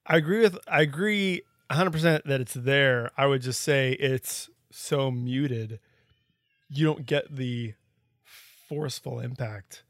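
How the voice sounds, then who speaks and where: A man's voice: medium pitch, measured pace, a bit bright, dry recording, studio quality. A man co-hosting a podcast, talking conversationally and often restarting his sentences. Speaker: podcast co-host. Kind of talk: casual discussion.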